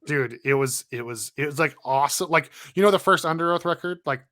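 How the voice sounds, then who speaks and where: A man co-hosting a gaming podcast, with a bright, forceful voice that sits a little high. He talks in a chatty, animated way and laughs easily. The sound is dry and close, with no room around it. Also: brisk, dry recording. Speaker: podcast co-host. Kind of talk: casual gaming podcast chat.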